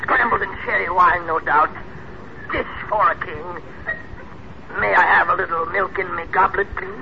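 An excitable young American who puts on lordly grandeur in a radio comedy. His voice is high and swoops theatrically. The old broadcast sound is muffled and noisy. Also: normal speed. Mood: pompous. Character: excitable young man putting on lordly airs as royalty.

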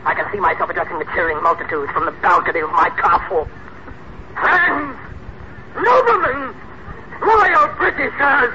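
An actor playing an excitable young American man putting on lordly, pompous royal airs in an old radio comedy. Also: high voice, moderate pace, lightly acted. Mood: grandiose oratory. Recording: muffled, noisy old radio broadcast.

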